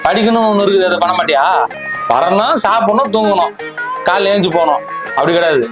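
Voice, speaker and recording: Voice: mid-range voice, expressive, fairly quick, over loud music. An adult in a staged prank sternly lecturing a child and demanding answers. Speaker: adult scolding a child over phone use.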